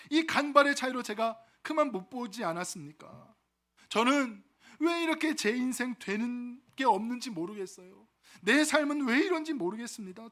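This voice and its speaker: A man voicing a frustrated young man who grumbles loudly about his bad luck. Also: extremely high pitch, pitched above the performer's own voice. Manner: loud, exasperated lamenting.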